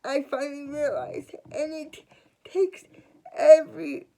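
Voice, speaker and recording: A young woman of twenty confides a personal story to her viewers, her voice high and edged with gravelly fry. She talks slowly and haltingly, restarting words and trailing off into pauses as she works through what she means to say. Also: flat delivery, warm tone, poor audio. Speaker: vlogger. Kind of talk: personal confessional storytime vlog.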